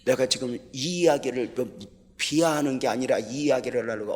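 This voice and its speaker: A middle-aged man giving a revival sermon as a guest pastor, swinging between hushed storytelling and shouting. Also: mid-range voice. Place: church sanctuary. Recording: long reverb of a large church hall.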